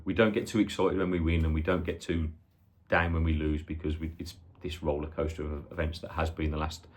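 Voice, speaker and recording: Low-pitched Brummie man, casual football fan chat. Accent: Birmingham (Brummie). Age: 40s. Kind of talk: casual chat to viewers, match preview.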